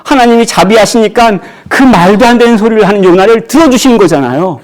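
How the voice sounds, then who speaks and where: A man's voice: high-pitched, animated, brisk. Male pastor preaching with rising outbursts. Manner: rhetorical questions, voice jumping up when acting out quotes. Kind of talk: sermon. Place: church.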